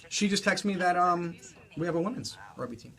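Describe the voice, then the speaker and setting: A man hosting a radio show in the studio, announcing loudly and then chatting casually with his co-host. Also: sits high, fairly quick, gravelly. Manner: loud, upbeat announcing, then relaxed banter. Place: radio studio with a speaker playing. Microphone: studio mic with headphones.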